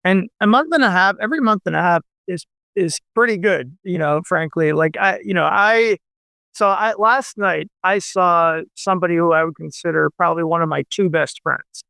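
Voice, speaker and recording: This forties-aged novelist, appearing on a radio show, talks in a rambling, casual way, full of fillers and restarts. He sounds high, gravelly, and sharp, speaking at a moderate pace with no echo.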